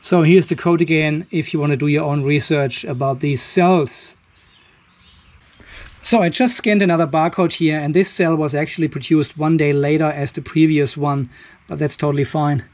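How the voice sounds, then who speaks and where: Going over a home battery for his channel, a man with a very high voice examines the unit by hand at a normal speed. He muses in a relaxed, curious way, describing every detail as he comes across it.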